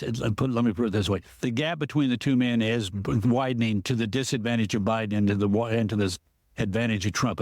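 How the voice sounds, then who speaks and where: Measured male political analyst, dry sound. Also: medium pitch, no room sound. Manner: measured, explanatory, often restarts sentences. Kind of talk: podcast interview.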